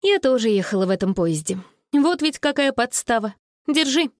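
A woman's voice: on the high side, lively intonation, normal speed, dry recording, clean studio sound, voice pushed up, close to an everyday voice. Woman doing a kind young woman stranger, easygoing, reassuring, storybook voice. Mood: friendly.

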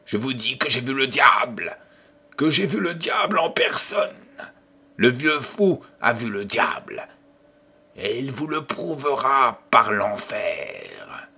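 A man's voice: mid-range voice, very animated, takes it slowly, slightly rough, full character voice. A man voicing a raving old gambler. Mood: raging. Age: older. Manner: wild swings from hushed whispers to furious outbursts. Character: raving old male gambler haunted by the devil.

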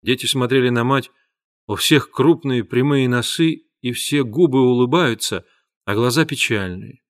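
Male audiobook narrator, calm, measured storytelling. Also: medium pitch. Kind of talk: scripted narration.

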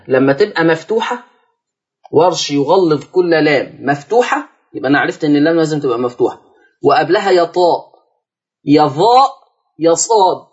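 Husky Egyptian recitation teacher. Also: male voice, high voice, dull audio. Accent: Egyptian Arabic. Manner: asks and answers his own questions, drawing out recited words to demonstrate. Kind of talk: broadcast recitation lesson.

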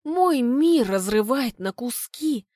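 A woman narrating a first-person audiobook in a lively, ironic storytelling manner, recorded on a close studio mic. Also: on the high side, slow pace, dry recording.

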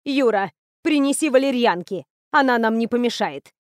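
A woman voicing a stern older female professor and matriarch who speaks in a brisk, authoritative way. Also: fairly high pitch, animated, no room sound, clean studio sound, natural voice.

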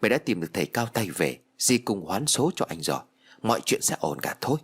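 A man's voice: medium pitch, sing-song, normal speed, slightly rough. A man doing a nervous, stammering young husband. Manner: hesitant, stammering.

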